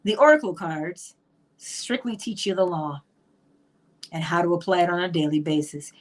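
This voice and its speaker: A middle-aged Barbadian woman with a Barbadian accent delivers an emphatic monologue on manifestation, teaching about spiritual law and asking many rhetorical questions. Her voice is on the low side, and she speaks at normal speed.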